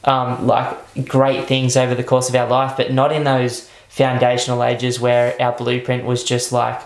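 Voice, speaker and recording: A man's voice: medium pitch, completely flat delivery, a little slow. A man who hosts a podcast and speaks bluntly in casual conversation, sometimes swearing. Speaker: podcast host. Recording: roomy echo.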